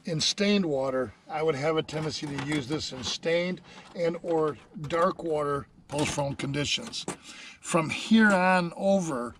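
A man's voice: on the high side, measured pace, fairly bright tone, recorded from a distance. An older man giving casual fishing tips from a small boat on a river, folksy and full of "you know" fillers. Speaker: fishing guide. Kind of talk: casual instructional chat. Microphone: action camera on the boat. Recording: outdoor camera mic with noise.

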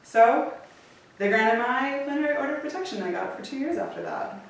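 A woman's voice: high-pitched, lively intonation, a little fast. A woman telling a personal story to a live audience, candid and swearing freely, laughing often. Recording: echoey room from a distance.

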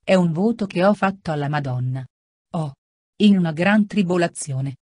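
A woman's voice: on the low side, animated, normal speed, a little mellow, dry recording, clean studio sound. A woman reading an audiobook, voicing a young, humble peasant woman who speaks timidly and earnestly.

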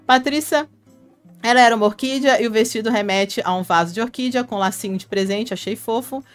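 Her voice on the high side and her pace a little fast, a Brazilian Portuguese-accented woman hosts a laid-back live stream through a headphone mic. She reads comments aloud, chats with fans by name, and laughs frequently as faint music plays.

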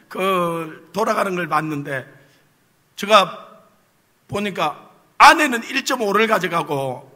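A male pastor tells a humorous personal story in his sermon, throwing rhetorical questions at the congregation. His high voice sounds pushed and bright, and the church hall adds a long reverb.

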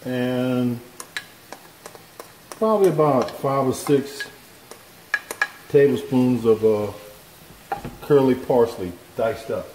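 Slow and given to long pauses, a man with a mid-range voice cooks at his stove for a home cooking show, easygoing and folksy as he explains each step. The camera hangs over the stove with his hands in view, and the echoey kitchen audio includes faint pan sounds.

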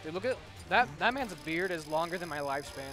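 Fast, high-voiced male game commentator. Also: lively intonation. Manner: rambling, halting, lots of repeated words. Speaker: esports commentator. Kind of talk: casual tournament commentary. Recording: loud music underneath.

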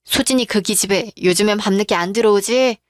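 A woman's voice: mid-range voice, fairly quick, dry recording, clean studio sound, natural voice. A woman voicing a caring older mother who talks in a fussing, motherly way.

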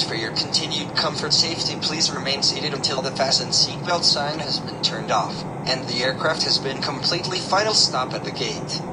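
Man making airline cabin announcement, heavy background noise. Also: mid-range voice. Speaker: flight crew announcer. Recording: loud vehicle and ventilation noise.

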